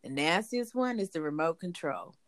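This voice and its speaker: A woman's voice: fairly low pitch, animated, normal speed. A woman co-hosting a podcast, talking in casual chat. She drives her points home like a little sermon, repeating her key phrases. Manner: preachy storytelling, repeats phrases. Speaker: podcast co-host.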